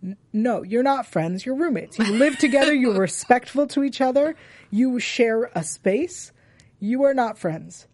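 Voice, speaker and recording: A woman's voice: fairly high pitch, expressive, measured pace, darkish tone, a little hiss or hum. A woman hosting a casual TV after-show, chatting emphatically and repeating her points for effect. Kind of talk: casual TV recap chat.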